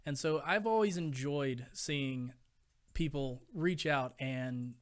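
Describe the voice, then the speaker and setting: A young adult man hosts a live stream, telling stories to his chat in a chatty, rambling way with lots of fillers. His mid-range voice moves at a slow pace.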